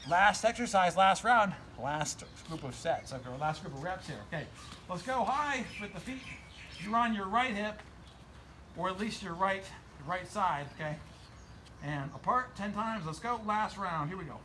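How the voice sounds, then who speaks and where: A man's voice: sits high, lively intonation, normal speed, pushed and bright. A man in his forties working as a fitness trainer, giving casual, encouraging exercise instruction outdoors in a garden. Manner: encouraging, counts and cues. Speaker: fitness trainer hosting a workout video. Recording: outdoor recording with clear background noise.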